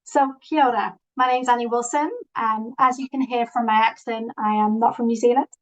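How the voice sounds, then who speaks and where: A woman's voice: fairly high pitch, fairly even intonation, fairly quick, lo-fi sound. Yorkshire woman presenting on a video call. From England. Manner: earnest, many fillers and restarts. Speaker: guest presenter. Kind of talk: online presentation.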